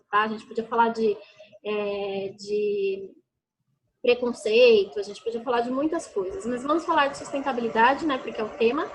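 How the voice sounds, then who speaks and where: Husky-voiced woman explaining education. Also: on the high side. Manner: explanatory, frequent "né?" tag questions. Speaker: educator guest. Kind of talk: conversational interview answers.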